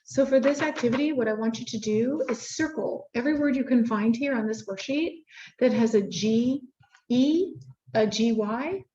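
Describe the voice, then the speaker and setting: A woman leads a one-on-one phonics lesson with short, patient prompts. Her voice sits a little high. The recording is roomy and dull. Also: moderate pace, mellow. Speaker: reading tutor.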